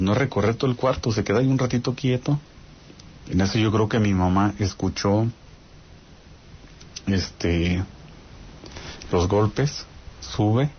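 A man's voice: lowish voice, highs cut off, slight background noise. A man with a Mexican accent telling a spooky personal story in a casual way, often turning to his listeners to check they follow. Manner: talks straight to listeners with frequent "¿no?" check-ins. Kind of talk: casual spoken ghost story.

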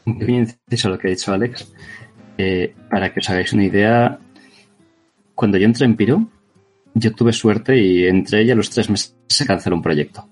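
A man's voice: lowish voice, normal speed, slightly rough, faint music behind. A man with a Spain Spanish accent, a former game developer adding matter-of-fact, wry asides in a casual podcast chat.

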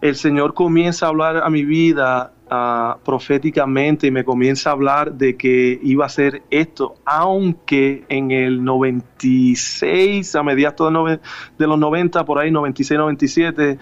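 A man in his thirties from Puerto Rico with a Puerto Rican Spanish accent, a gospel musician speaking haltingly with many fillers in a radio interview. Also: on the high side, fairly even intonation, clear, resonant tone, lo-fi sound. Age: 30s. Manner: hesitant, many fillers and restarts.

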